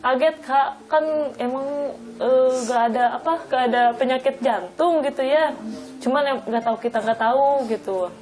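Young woman, kinda high voice, acts out the quotes, faint music. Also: normal speed, a little mellow. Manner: retells calls by acting out quoted lines. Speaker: sister of the deceased, interviewee. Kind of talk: emotional interview. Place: at the family home.

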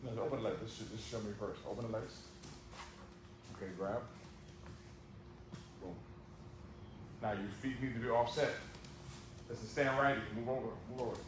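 A man's voice: steady tone, moderate pace, pauses often. Guy coaching judo drills on the mat, short barked cues, echoey big gym. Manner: short commands, repeats cues like "boom". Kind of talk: hands-on coaching. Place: large gym with mats. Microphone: camera on the floor. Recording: echoey gym with background noise.

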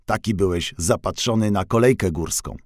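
A man voicing a busy male street-sweeping cart in a children's audio story, talking in a brisk, blunt but kindly way. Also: on the low side, a little mellow, no echo, clean studio sound. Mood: friendly.

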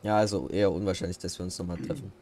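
Against a crowd in the background, a deep-voiced man talks very fast while hosting a let's play of a farming game. He's relaxed and slangy with his friends in this casual gaming chat, and he signs off the episode.

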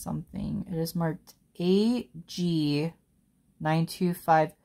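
Young woman reseller vlogging, kinda low voice, gets super excited and giggly. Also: slow pace, creaky. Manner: excitable, gushing, laughs often, says y'all. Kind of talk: casual unboxing vlog.

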